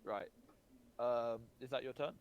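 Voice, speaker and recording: A man's voice: medium pitch, a little slow, highs cut off, slight background noise. A man running a tabletop game as game master, rambling and restarting his sentences, with casual swearing.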